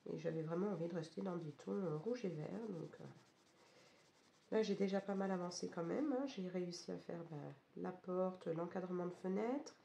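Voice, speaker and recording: Hoarse woman, creaky and low, vlogger. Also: moderate pace, warm tone. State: hoarse, broken voice from a cold. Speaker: craft vlogger. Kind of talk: casual vlog chat about colouring. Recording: roomy echo, faint background noise.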